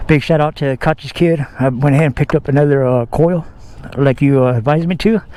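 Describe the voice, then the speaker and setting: A man's voice: a little high, brisk, warm tone. A man casually vlogging about his scooter outdoors, rambling in a folksy way with fillers and self-corrections. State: out of breath. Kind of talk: casual vlog talk.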